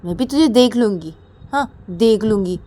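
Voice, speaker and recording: A woman voicing a teasing older sister who protests loudly and pleads with her younger sibling. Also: mid-range voice, animated, normal speed, lightly acted. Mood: exasperated.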